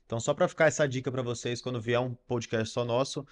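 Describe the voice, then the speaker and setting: A man with a mid-pitched voice and a Brazilian Portuguese accent chats on a podcast. He sounds enthusiastic and addresses the audience directly in easygoing slang. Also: fairly even intonation, fast. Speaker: podcast co-host. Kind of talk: casual podcast talk.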